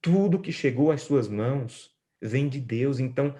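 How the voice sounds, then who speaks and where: A middle-aged man with a Brazilian Portuguese accent preaching a sermon, shifting from hushed lines to lively storytelling. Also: mid-range voice, a little slow. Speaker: pastor.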